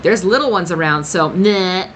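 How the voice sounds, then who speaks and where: A woman's voice: lowish voice, moderate pace, slight background noise, natural voice. A woman voicing a cheeky, teasing young woman in an audiobook reading, speaking flippantly.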